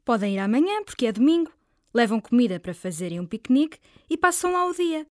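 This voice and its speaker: Caring mother played by a woman, European Portuguese accent, gentle, very lively melody. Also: on the high side, fast talker, dry recording, clean studio sound. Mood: motherly. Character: caring mother talking to her son. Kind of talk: scripted dialogue for a listening test.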